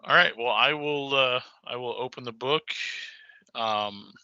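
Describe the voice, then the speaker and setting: A man with a very bright, sharp voice plays a tabletop game, speaking partly in character and stumbling over restarts. The sound is dry and dull, like a lo-fi mic close up. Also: mid-range voice, unhurried, clean tone, no room sound. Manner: hesitant, many fillers and restarts. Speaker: player.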